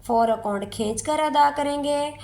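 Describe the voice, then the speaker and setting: Woman tajweed teacher, unhurried patient delivery, slightly high voice. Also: vocal fry, mellow. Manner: slow, patient explaining with drawn-out demonstrations. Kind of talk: step-by-step recitation lesson.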